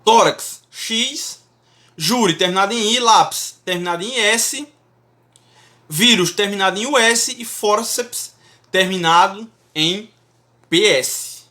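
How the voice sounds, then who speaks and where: A man's voice: high voice, slow, pushed and bright. A man teaching Portuguese grammar in a lecture, emphatic, often checking in with the class.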